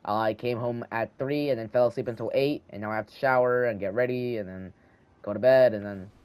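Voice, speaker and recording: Playing a video game at home, this teen gaming host talks casually into a handheld microphone, wandering from thought to thought and often starting over. He has a slight lisp and a medium-pitched, darkish, clean voice that stays steady and fairly quick in a dry recording.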